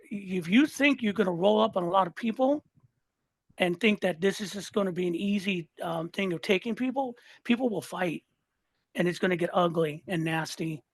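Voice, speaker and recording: In a casual political chat, a Southern Californian listener guest in his sixties gets fired up, speaking in bursts and restarting and repeating words. He sits high in pitch, and the recording is dry and close with no room sound.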